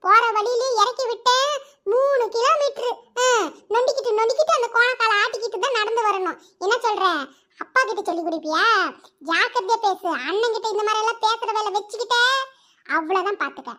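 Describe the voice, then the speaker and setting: A woman's voice: extremely high pitch, fairly quick, pushed and bright. A woman voicing a teasing schoolboy big brother in a cartoon, threatening his little sister. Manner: threatening, mocking. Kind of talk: cartoon voice acting.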